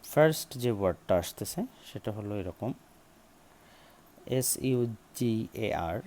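A man with a lowish, expressive, darkish voice teaches English pronunciation. He works slowly, spelling words out, saying each several times as a drill, and asking viewers questions in this spoken lesson.

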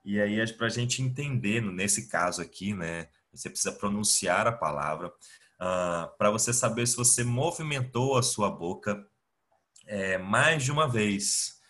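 A man's voice: fairly low pitch, lively intonation, measured pace, bright, forceful tone. A Brazilian man teaching an English class over a video call, explaining patiently step by step with many fillers. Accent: Brazilian Portuguese. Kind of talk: online class lecture. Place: home, remote video class. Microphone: computer mic on a video call.

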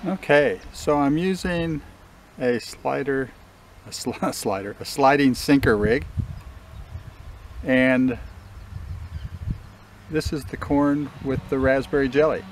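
A middle-aged man talking casually to the camera on a riverbank, in a relaxed, matter-of-fact way with small restarts. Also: mid-range voice, slow, pauses often, a little hiss or hum. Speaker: fishing vlogger. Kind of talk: casual outdoor commentary. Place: riverbank outdoors. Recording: faint outdoor nature ambience.

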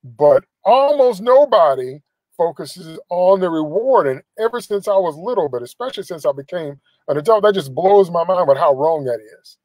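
A man's voice: high-pitched, expressive, normal speed, darkish tone, dry recording, poor audio. Middle-aged male preacher, emphatic and repetitive, phone-recorded in a car, dry close sound. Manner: emphatic, repeats phrases for emphasis, gestures with his hand. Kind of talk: live-streamed sermon. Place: inside a parked car. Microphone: phone camera at arm's length.

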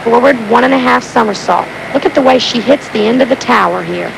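Speaking fairly quickly in a gravelly, higher-pitched voice, a woman analyzes diving technique during live coverage at an outdoor stadium. This vintage 1980s stadium broadcast is packed and very noisy.

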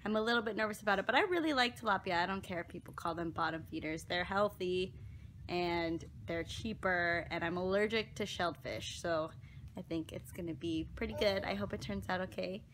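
A woman's voice: lowish voice, brisk, fairly bright tone, a little hiss or hum. A young woman chatting casually to her viewers in a home vlog, upbeat and talkative. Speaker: vlogger. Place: at home indoors.

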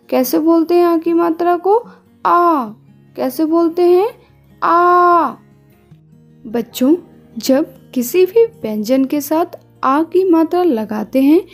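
A woman teaching a recorded online lesson to young children, with slow, drawn-out, sing-song prompts and repeated questions. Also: high-pitched, a little mellow. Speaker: kindergarten teacher.

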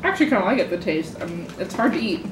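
Woman co-host, mouth full and chewing, casual tasting chat, clear background noise. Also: mid-range voice, sing-song, rapid-fire, distant mic. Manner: giggly, easygoing. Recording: echoey room with background noise.

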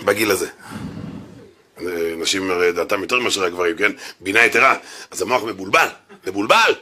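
A man, a rabbi, giving an animated Torah lecture in a synagogue, joking and acting out little quotes. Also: deep voice.

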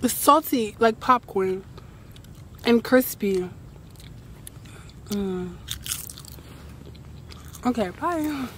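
A tired woman in a rambling, excitable casual vlog to camera, recorded outdoors at night on a handheld phone after a long ride. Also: a little high, drawn-out words, pauses often, a little hiss or hum. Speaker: travel vlogger.

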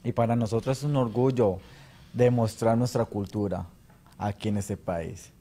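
A man's voice: lowish voice, fairly even intonation, moderate pace, mellow. A man who directs a dance school, greeting the show courteously and earnestly as a guest.

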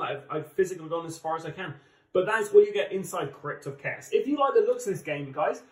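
A man with an English accent giving chatty, enthusiastic, casual unboxing commentary as a board game channel host. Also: high voice. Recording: roomy, distant microphone.

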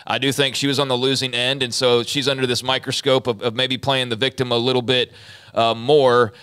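A man's voice: mid-range voice, flat delivery, brisk, a bit bright, clear, resonant tone. A young man co-hosting a sports talk show from a studio, speaking reflectively and rephrasing as he goes. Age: young adult. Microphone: studio mic with headphones.

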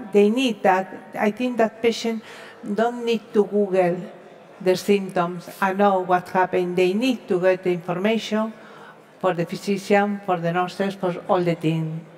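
A woman's voice: mid-range voice, steady tone, a little slow, darkish tone, low-quality recording. A middle-aged woman speaks as an oncology nurse on a conference stage. She is earnest and often repeats words while searching for the next ones. Her voice comes through a headset mic. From Spain. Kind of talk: panel discussion.

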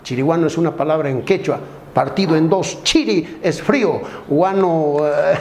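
High-voiced Bolivian comedian telling jokes. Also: male voice, moderate pace, noisy background. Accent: Bolivian Spanish. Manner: playful, acts out characters in high squeaky voices. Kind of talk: stand-up joke telling.

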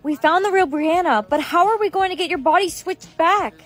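A woman's voice: extremely high pitch, a little fast. A woman playing several supporting parts in a storytime skit, in a plain conversational way. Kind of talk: acted skit dialogue.

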